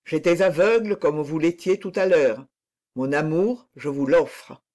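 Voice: medium pitch, unhurried, darkish tone, close to an everyday voice. A reader voicing an impassioned noble lady who declares her love in a fervent, pleading manner.

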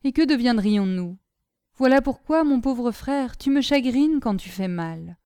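Woman reading a gentle servant sister: tender, pleading, mellow. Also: fairly high pitch, expressive, unhurried, clean tone, dry recording, clean studio sound.

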